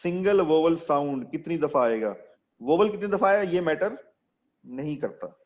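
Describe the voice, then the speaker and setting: A man's voice: fairly high pitch, lively intonation, normal speed. Man teaching in a lo-fi online class. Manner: explains step by step, quizzing students. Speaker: English teacher.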